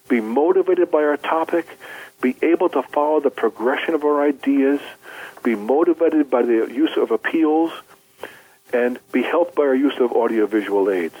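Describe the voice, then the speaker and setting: A man's voice: a little high, a little mellow, slightly rough, rough recording. A man, a public speaking coach, explaining his points in an earnest, instructive interview answer.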